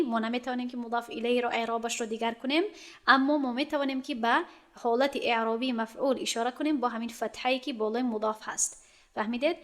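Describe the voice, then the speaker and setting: Woman, teacher explaining grammar rules patiently, checks in with students, somewhat high voice. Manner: explains step by step, checks understanding with questions. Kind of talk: classroom grammar lesson.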